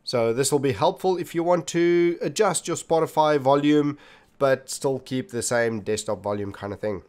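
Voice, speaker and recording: Indoors at his desktop computer, a man hosts a tech tutorial, walking viewers through each step as he demonstrates. His mid-range voice has a darkish tone and a normal speed, and the scripted-sounding narration is picked up by the desktop mic.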